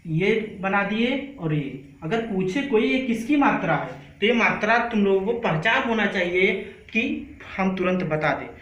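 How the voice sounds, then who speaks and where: High bright-voiced male teacher quizzing class. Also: echoey room, low-quality recording. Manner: repeats each sound and quizzes the class. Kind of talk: classroom lesson.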